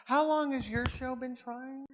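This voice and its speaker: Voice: high voice, steady tone, a little slow, fairly bright tone, slight background noise. An actor playing a boastful, cheesy late-night horror host in a campy comedy skit, rambling and self-promoting. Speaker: guest horror movie host.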